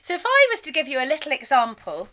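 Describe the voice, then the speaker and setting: A middle-aged woman leading a choir course, chatting warmly and breaking into sung demonstrations. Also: high voice, huge pitch swings, fast. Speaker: choir leader teaching a course. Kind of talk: enthusiastic spoken lesson with sung demonstrations.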